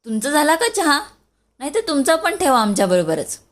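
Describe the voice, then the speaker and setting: A woman's voice: high voice, very animated, a little fast, voice pushed up. Woman playing a cheerful teasing elder brother. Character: elder brother, a jovial grown man.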